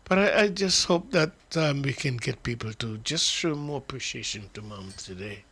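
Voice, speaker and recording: A man hosting a radio talk show, speaking in a reflective, measured way. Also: mid-range voice, lively intonation, vocal fry, bright, forceful tone, breathy edge.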